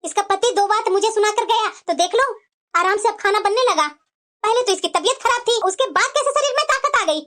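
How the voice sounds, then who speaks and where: A scheming old mother-in-law from a cartoon family drama, voiced by a woman. She talks in a very high, piercing voice and mixes scolding with self-pity, always reproaching her son and daughters-in-law. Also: a little fast, fairly bright tone. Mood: accusing. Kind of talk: animated family drama dialogue.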